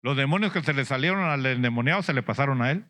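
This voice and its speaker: A man's voice: mid-range voice, animated, fast, a bit bright. A man preaching a sermon as an apostle, questioning the congregation, prompting them with "mm?" and "ujú", and acting out lamenting believers in a whiny voice.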